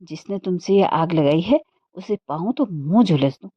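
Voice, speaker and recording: A woman's voice: lowish voice, normal speed, no room sound, lightly acted. A woman voicing a proud young wife from a wealthy family in a storybook reading, speaking in a cutting, indignant way. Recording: dull muffled dry recording.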